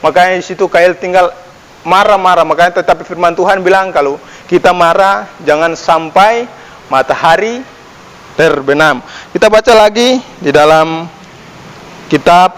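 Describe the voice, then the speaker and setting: A man's voice: high-pitched, moderate pace, long pauses. Young man teaching kids in echoey church. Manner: addresses children as their older brother, asks questions, lively rises. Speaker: Sunday school teacher. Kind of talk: children's sermon. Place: church hall. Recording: long echo of a church hall.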